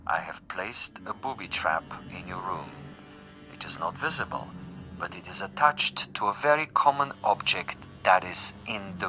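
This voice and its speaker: In a suspense radio drama, an actor with a low voice plays an urbane, sadistic assassin. He taunts his prey using formal, precise, theatrical phrasing.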